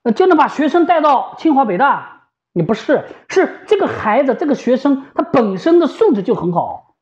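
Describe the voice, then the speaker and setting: A woman's voice: high voice, very animated, normal speed, a little mellow. A woman giving an informal, conversational explanation as a specialist, repeating phrases for emphasis. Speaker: home ventilator specialist and shop staff. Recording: slightly dull, lo-fi sound.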